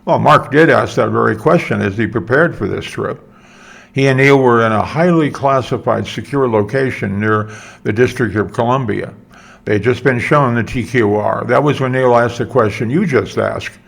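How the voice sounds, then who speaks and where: An older man reading his own story aloud, unhurried, with wry asides. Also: mid-range voice, gravelly.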